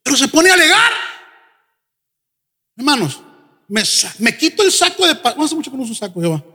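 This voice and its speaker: High-pitched preaching pastor in a hall. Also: male voice, gravelly. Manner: animated preaching, mimics congregants in quick asides. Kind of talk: sermon. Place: church sanctuary. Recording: church hall with long reverb.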